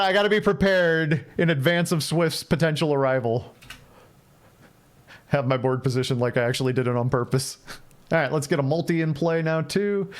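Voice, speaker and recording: With a smooth, mid-range voice, a man livestreams a game and gives casual, playful commentary. He thinks aloud and repeats phrases as he chats with his viewers.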